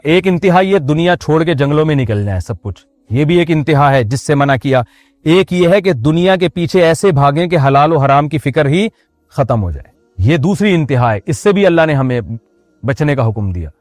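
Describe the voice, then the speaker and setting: A man's voice: a little high, no echo. A man preaching a religious sermon in a conversational way, with joking asides to the audience. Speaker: Islamic preacher.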